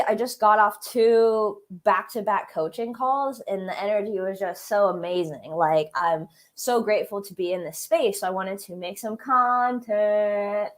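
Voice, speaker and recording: A young woman from the United States, a creative business coach, chatting casually and enthusiastically on a livestream while a bit congested. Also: medium pitch. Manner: chatty, lots of "like" fillers, enthusiastic. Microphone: streaming setup, computer mic.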